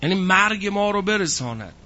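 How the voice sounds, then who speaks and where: Bright-voiced man giving a religious lecture. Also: high voice, expressive. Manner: recites verses slowly, explains with rhetorical questions. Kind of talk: Quran exegesis lecture. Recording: dull lo-fi recording.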